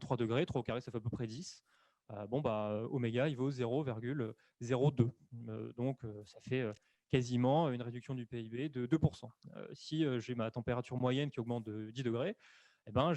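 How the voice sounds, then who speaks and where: A man explaining economics in a webinar, speaking quickly and filling his sentences with hesitations and self-corrections. The sound is dry and close, recorded on a desk microphone at his computer. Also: mid-range voice, warm tone, no room sound. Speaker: webinar presenter. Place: room at home or office, on camera.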